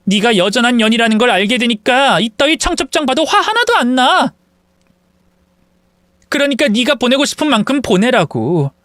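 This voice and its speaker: A woman's voice: fairly high pitch, sing-song, normal speed, no echo, studio quality. A woman voicing a betrayed young woman who bluntly and angrily insults her former friend over the phone in a drama story. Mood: scornful. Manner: sharp, accusing, harsh insults. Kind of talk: acted phone quarrel in a story video.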